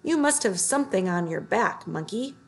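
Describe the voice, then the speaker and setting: A woman's voice: medium pitch, expressive, moderate pace, close to an everyday voice. A woman voicing a nosy storybook tortoise who questions a stranger inquisitively.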